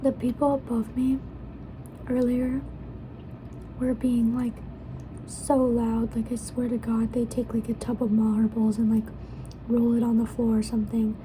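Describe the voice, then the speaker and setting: A young woman rambling softly in ASMR style while mukbang eating, talking between bites and slipping into whispers. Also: on the high side, completely flat delivery, normal speed, poor audio. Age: young adult. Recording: clear background noise.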